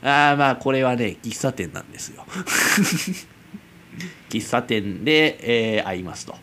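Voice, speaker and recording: A Kansai-accented man in his twenties from Japan's Kansai region hosts an amateur, casual late-night radio-style chat by himself, rambling, mocking himself and chuckling frequently. His mid-range voice is expressive and fairly bright, delivered a little slowly, with slight background noise.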